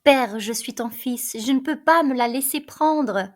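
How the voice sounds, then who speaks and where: A woman's voice: sits high, unhurried. A woman reading aloud the part of a desperate young man who urgently pleads with his father.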